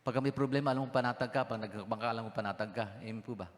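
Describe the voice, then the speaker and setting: A male pastor with a medium-pitched voice preaches very fast in a church hall, slipping into English phrases and questioning the congregation. He has a lingering cough, and the hall adds long reverb.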